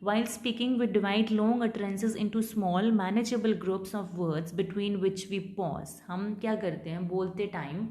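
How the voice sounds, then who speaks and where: A woman's voice: medium pitch, a little mellow, slight background noise. Indian woman teacher in an echoey room. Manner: slow, deliberate reading of English definitions, then explaining in Hindi. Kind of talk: lecture mixing Hindi and English.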